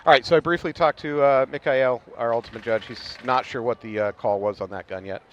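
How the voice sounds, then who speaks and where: A man's voice: medium pitch, highs cut off. A man doing color commentary on a paintball match, upbeat and relaying rulings from the judge. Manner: quick, upbeat, passes on updates from the judge. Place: outdoors at a paintball field. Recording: noisy outdoor event.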